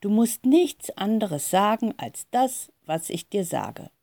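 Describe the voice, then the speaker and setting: A woman voicing a calm, reassuring divine voice that speaks solemnly to a boy, in a storybook reading. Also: medium pitch, slow pace, creaky, no echo, pitched above the performer's own voice, exaggerated voice.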